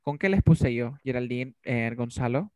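A man's voice: mid-range voice, lively intonation, normal speed, warm tone, no echo. A man teaching an online English class in Spanish, drilling students with repeated questions. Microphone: video call.

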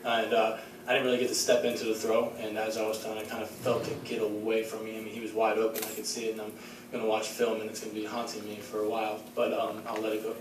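A young man in his twenties answering questions at a post-game press conference, halting and self-critical with many fillers. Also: on the low side, monotone. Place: large echoey press room. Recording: echoey room, distant mic, background noise.

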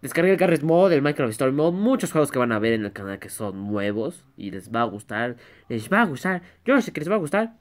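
A man with a Mexican accent doing a goofy vlog in his bedroom, excitable and silly, often bursting into loud yelps as he talks into a phone. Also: medium pitch, a little fast. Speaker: YouTuber.

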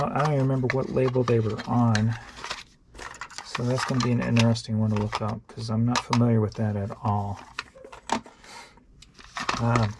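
A medium-pitched male voice comes through with background noise. The speaker is an online reseller in a casual show-and-tell vlog, musing aloud in a rambling, offhand way as he sorts tapes to resell.

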